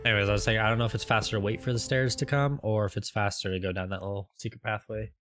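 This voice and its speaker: A man's voice: on the low side, steady tone, rapid-fire, a bit bright, dry recording, soft background music. A man casually commentating his video game playthrough, rambling and tripping over his words, then joking about it. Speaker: let's play host.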